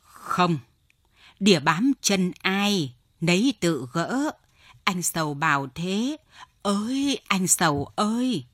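A woman's voice: fairly low pitch, big pitch swings, slow, no echo, exaggerated voice. A woman voicing an old male addict who mumbles weakly and faintly in a storybook reading. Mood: despairing. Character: old male opium addict, groaning and despairing.

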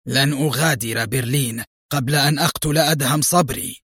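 A man's voice: mid-range voice, brisk, a bit bright, breathy edge, no echo, clean studio sound. A man voicing a ruthless, stubborn male assassin who speaks coldly and harshly in an audiobook story. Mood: cold defiance. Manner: cold, harsh, defiant.

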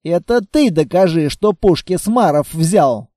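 A man voicing a gruff, hostile army sergeant who barks his questions in an audiobook reading. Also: sits high, animated, measured pace, mellow, no room sound, clean studio sound. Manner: growling, barking, interrogating.

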